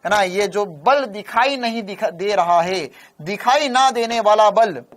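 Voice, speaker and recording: A man with a very high voice gives a physics lecture. He turns the lesson into playful stories. He keeps repeating terms and asking the class to say them back. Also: a little slow, fairly bright tone. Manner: repeats key terms and quizzes listeners; playful storytelling. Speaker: physics teacher.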